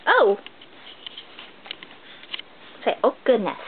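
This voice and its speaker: High sing-song mother in baby talk. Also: huge pitch swings. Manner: sing-song, doting, slow and coaxing. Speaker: mother talking to her baby. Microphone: phone camera. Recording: tinny phone-like sound with faint noise.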